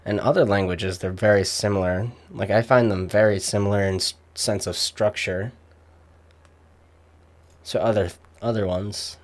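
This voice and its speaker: A young man chatting casually, rambling with many fillers and pauses. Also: on the low side, fairly even intonation. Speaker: streamer. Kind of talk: casual chat.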